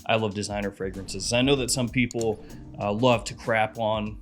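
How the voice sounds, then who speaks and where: A man in his thirties with a head cold reviews fragrances in a casual video, speaking at normal speed in a lowish voice with faint music behind him. He's chatty and animated, gesturing with his hands, in a small room with lit shelves of bottles.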